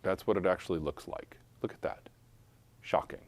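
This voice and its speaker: A man's voice: sits low, moderate pace, no room sound. A man calling a live charity auction for a school, playful and joking between bids.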